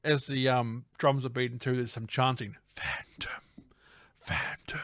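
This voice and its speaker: A man's voice: medium pitch, flat delivery, moderate pace, a bit bright. A man co-hosting a casual film podcast, narrating scenes playfully. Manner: playful narrating recap, breaks into silly voices. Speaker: podcast co-host.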